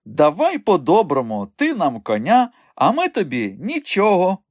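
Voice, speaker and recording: A man voicing a cheeky, smooth-talking young trickster in a raised, lively voice. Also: high-pitched, dry recording, clean studio sound, voice pushed up, heavily acted. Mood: cocky. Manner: raised, cocky, quick-witted.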